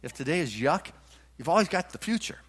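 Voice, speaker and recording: A middle-aged man delivers a sermon, slipping into a parable and acting out each character with animated shifts. His voice sits a little high for a man. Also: a little fast. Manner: animated storyteller, acts out characters. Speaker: minister. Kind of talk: sermon with storytelling.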